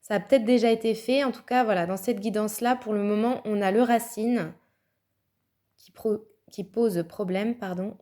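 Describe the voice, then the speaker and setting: A woman's voice: medium pitch, fairly even intonation, normal speed, warm tone. A woman giving a casual, chatty tarot card reading, thinking aloud with fillers and little laughs. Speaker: tarot reader.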